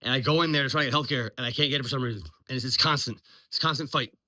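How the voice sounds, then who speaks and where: A military veteran from Virginia, US, a man in his forties who is almost fifty, vlogs in an unscripted monologue that is blunt, profane and rambling, full of ums. His medium-pitched voice is sharp and he talks very fast.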